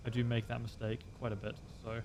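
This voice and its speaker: A man's voice: medium pitch, completely flat delivery, fast talker, noisy background. A young man streaming a flight game, chatting casually and explaining tactics with lots of fillers. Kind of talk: casual gameplay commentary.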